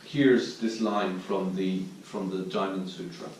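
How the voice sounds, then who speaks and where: A man with an Irish accent gives a dharma talk, his voice sitting a little low as he searches thoughtfully for his words. The mic is set back from him, and the meditation hall adds a strong echo with faint noise underneath. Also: steady tone, unhurried. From Ireland. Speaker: Zen teacher giving a dharma talk. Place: meditation hall at a retreat centre. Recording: distant mic in a very echoey room with faint noise.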